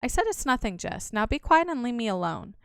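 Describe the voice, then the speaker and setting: Woman reading brash young game hero, high clear voice. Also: sing-song, brisk, no echo, clean studio sound. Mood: bold. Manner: boastful, brusque. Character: cocky stubborn young male hero.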